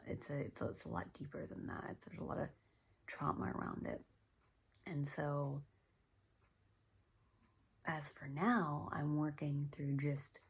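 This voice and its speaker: A woman hosting a podcast, talking earnestly about her own experience in a soft, reflective monologue that often drops to a whisper. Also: sits low, vocal fry, husky. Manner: earnest and self-reflective, with many fillers. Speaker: podcast host.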